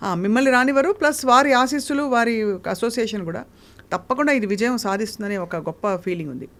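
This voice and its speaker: A woman's voice: fairly high pitch, quick pace, fairly bright tone. A woman interviewer asking questions in a respectful, encouraging way.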